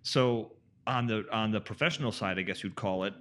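A man's voice: fairly low pitch, fairly quick, fairly bright tone. Man explaining mortgages in a chatty way. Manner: explanatory, many fillers like "you know" and "right". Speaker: mortgage expert guest. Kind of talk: casual podcast conversation.

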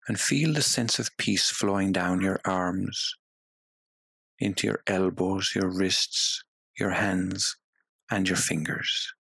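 A man leading a guided meditation in a soothing, hypnotic way, with long pauses between phrases. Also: sits low, vocal fry, a bit bright, husky, no room sound, low-quality recording.

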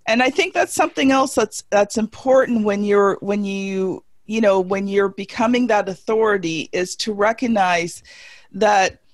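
A woman's voice: mid-range voice, no room sound. A woman in her forties talking on a video call in a casual panel chat, emphatic, folksy and self-deprecating. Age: 40s.

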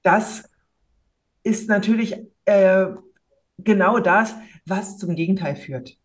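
A woman hosting a podcast and coaching mothers, talking in a relaxed, conversational way. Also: medium pitch, takes it slowly. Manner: conversational, affirming listener. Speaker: podcast host and parenting coach.

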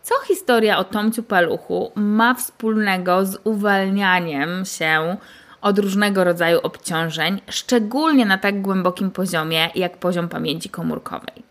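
A woman reading a fairy tale aloud and then reflecting on it in a calm, measured, gently instructive way. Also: medium pitch. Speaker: storyteller and spiritual teacher.

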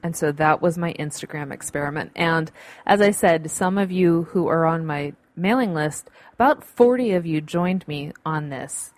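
A woman with a low voice hosts a solo podcast from a home room with the windows open, speaking at a normal pace on a dry recording. She gives casual advice in an upbeat, chatty and emphatic style.

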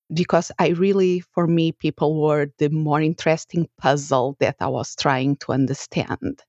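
With a low, darkish voice captured on dull audio that has no echo, a woman who hosts a podcast and coaches others in life tells her personal story. She is a native Portuguese speaker with a Portuguese accent, and her manner is earnest and reflective.

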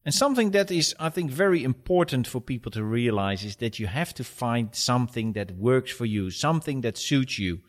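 A man's voice: medium pitch, expressive, normal speed, hardly any pauses. A man with a Dutch accent answering conversationally as a podcast guest, direct and instructive. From Netherlands. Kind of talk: conversational interview.

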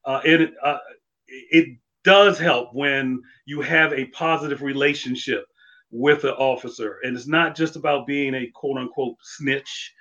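A man's voice: medium pitch, measured pace, pushed and bright, highs cut off. A man who used to be a police officer, talking casually and thoughtfully, with many fillers and restarts. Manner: reflective, full of fillers and restarts. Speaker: former police officer guest. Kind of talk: casual conversation.

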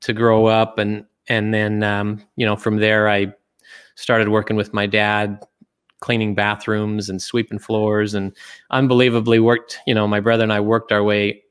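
A man's voice: on the low side, monotone, clean tone. A middle-aged man from Utah, a guest in an interview, speaking reflectively with frequent restarts. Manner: reflective, halting with many restarts. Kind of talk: casual interview talk.

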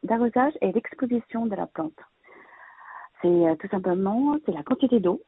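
A woman of Vietnamese heritage who lives in France appears as a guest expert, an interior plant decorator offering plant-care advice. Her mid-range voice is animated with a breathy edge and a moderate pace, but she's hesitant, with many fillers and restarts. The dry recording has a narrow, phone-like sound and no echo.

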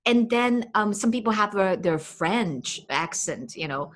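A woman's voice: mid-range voice, a little slow. A woman with a heavy Chinese accent, talking as a language coach and giving casual, chatty advice. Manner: animated, chatty, frequent fillers.

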